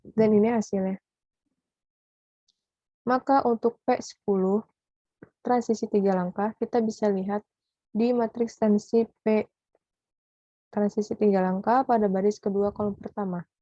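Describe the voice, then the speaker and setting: A young woman, a student presenter, reading worked probability examples aloud in a measured way. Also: medium pitch, steady tone, warm tone, dry recording. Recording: dull lo-fi dry recording.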